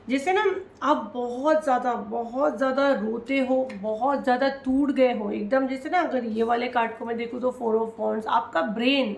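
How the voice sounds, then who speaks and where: A woman's voice: on the high side, reverberant. A woman giving a spiritual tarot reading, speaking emotionally and consolingly straight to her viewers. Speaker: tarot reader.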